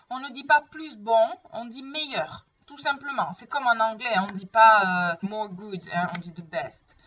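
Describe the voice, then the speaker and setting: A woman's voice: mid-range voice, sharp tone. A woman teaching a French grammar lesson, explaining patiently and often checking that students follow. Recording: dull, distant mic.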